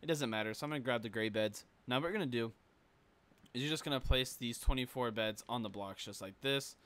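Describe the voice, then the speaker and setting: With a sore throat, a young gaming tutorial creator chats through how to build a game in a casual, rambling way, stopping for many fillers and restarts. His voice is medium-pitched, fairly bright and clean, and he speaks fairly quickly.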